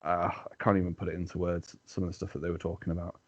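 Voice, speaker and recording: A man's voice: deep voice, little pitch movement, rapid-fire, lo-fi sound. A man who is a guest on a casual podcast chat, teasing the host and laughing easily. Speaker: podcast guest, team captain.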